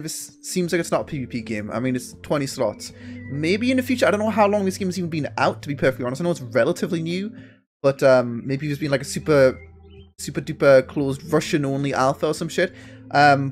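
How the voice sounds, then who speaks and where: A man giving rambling, profane, laid-back commentary as he plays a video game, talking into a gaming headset at home. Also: medium pitch. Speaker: gaming streamer. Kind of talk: casual let's-play commentary.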